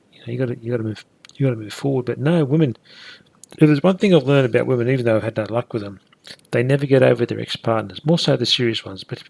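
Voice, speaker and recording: A man's voice: medium pitch, creaky, darkish tone, dry recording. A man giving a blunt, repetitive, ranting vlog monologue. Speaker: vlogger. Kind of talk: casual monologue.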